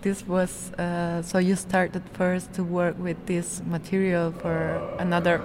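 A woman from Italy, a guest artist, adding short, soft remarks to the conversation. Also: on the low side, monotone, a little slow, slight background noise.

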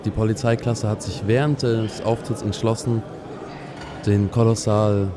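A man's voice: fairly low pitch, flat delivery, unhurried, over loud music. A man hosting a student radio broadcast live, announcing in a dry, wry way with improvised asides. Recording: loud crowd noise behind. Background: crowd chatter.

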